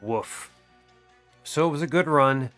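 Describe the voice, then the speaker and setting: A sick young gaming-channel host talks slowly through a card game over soft background music, rambling and correcting himself. Recorded on a desk microphone, his medium-pitched voice is a bit bright, muted and slightly nasal.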